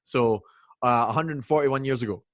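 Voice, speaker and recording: Speaking at normal speed in a mid-range voice with no echo, a Scottish man appears as a guest on a video call. He's a whiskey brand ambassador, and the casual interview finds him talking about whiskey in a relaxed, chatty manner full of fillers.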